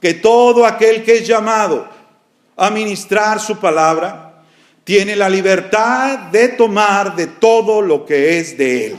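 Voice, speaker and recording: A middle-aged man preaching a sermon as pastor, earnestly calling his listeners brothers. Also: high-pitched.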